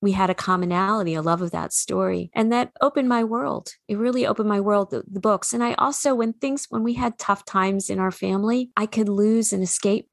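A woman's voice: medium pitch, fairly quick, gravelly, few pauses, no room sound, clean studio sound. A woman children's author from New England with a New England accent, talking earnestly and reflectively in an interview, often restarting her sentences. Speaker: children's book author and speaker. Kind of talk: conversational interview.

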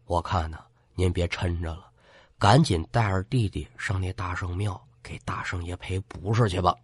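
A man voicing a cautious innkeeper who stammers and speaks in a hushed, confiding way. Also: low-pitched, steady tone, normal speed, husky, dry recording, clean studio sound, voice pushed down. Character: hesitant, cautious middle-aged male innkeeper.

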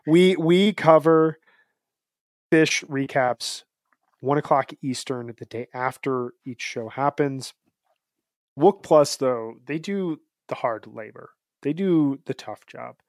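Guy in his 30s hosting a podcast, mid voice, dry room, excited and rambly. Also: medium pitch, a little slow, gravelly, no echo. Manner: upbeat, rambling, jokey. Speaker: podcast co-host. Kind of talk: casual podcast chat.

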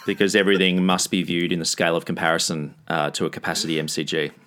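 A man's voice: low-pitched, fairly even intonation, fast talker, a bit bright, a little hiss or hum. An Australian man chatting casually about sport as a co-host, with a blokey, laconic, sweary manner. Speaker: sports talk show co-host.

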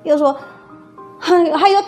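Woman, Taiwanese Mandarin accent, storyteller, suspenseful, fillers, slightly high pitch, faint music. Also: measured pace. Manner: animated, suspenseful, many fillers. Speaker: guzheng teacher recounting a story. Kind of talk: casual storytelling.

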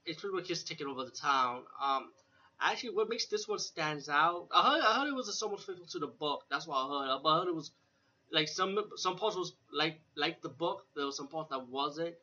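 Man, fairly high voice, sharp bright tone, casual rambling film reviewer, informal, dull lo-fi recording by a fan. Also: animated, fairly quick. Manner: informal, profane, repeats himself and often adds "you know". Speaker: host of a horror film retrospective review. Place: room with a fan or air conditioning running. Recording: dull lo-fi, air conditioner fan running nearby.

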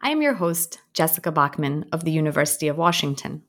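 A woman hosting an academic interview podcast, speaking in a measured, formal way. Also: low-pitched, sing-song, a bit bright. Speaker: podcast host.

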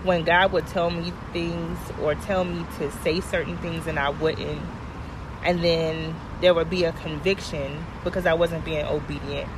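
A woman's voice: sits low, fairly even intonation, measured pace. Woman podcast host recording over traffic noise. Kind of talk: casual, conversational podcast talk. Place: outdoors on location, traffic behind. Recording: outdoor location with clear traffic noise.

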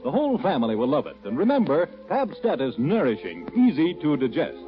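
A man giving a chipper, upbeat and emphatic sales pitch as an announcer in an old-time radio ad. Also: wildly swooping pitch, a little fast, soft background music. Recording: dull vintage radio recording.

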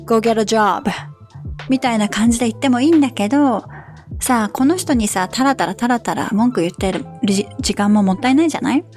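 A woman's voice: fairly high pitch, fast talker, darkish tone, soft background music. A woman hosting a casual advice podcast, frank and blunt, also coaching English pronunciation. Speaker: podcast host.

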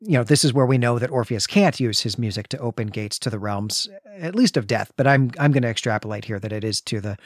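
A man co-hosting a literary podcast discusses a comic conversationally, explaining and analysing while often checking his point as he goes. His mid-range voice moves at a quick pace with hardly any pauses, in studio-quality sound with no room sound.

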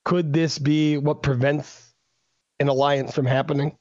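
A man's voice: on the high side, level tone, a little slow, darkish tone, no room sound, highs cut off. Questioning podcast co-host, man. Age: 30s. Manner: asks questions, reads details out methodically. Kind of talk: casual sports talk.

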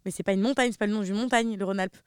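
Fast-talking young Frenchwoman, joking. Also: medium pitch, fairly even intonation, clean tone, no echo, studio quality. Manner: jokey, bursts into loud laughing exclaims. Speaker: co-host. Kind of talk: casual chat.

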